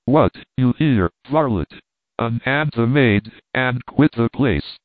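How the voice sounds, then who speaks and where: A man's voice: medium pitch, lively intonation, takes it slowly, no echo. A man voicing a stern, wealthy old farmer who barks fierce commands in a storybook reading. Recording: dry, tinny phone-like sound.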